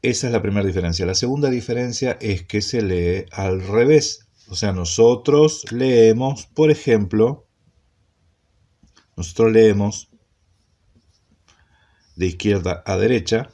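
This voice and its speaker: A man teaching an introductory Hebrew class, speaking slowly and repeating points, often checking in with a questioning "¿sí?". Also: fairly low pitch, lively intonation, mellow. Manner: slow, repetitive, checks in with frequent "¿sí?". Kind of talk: classroom lecture.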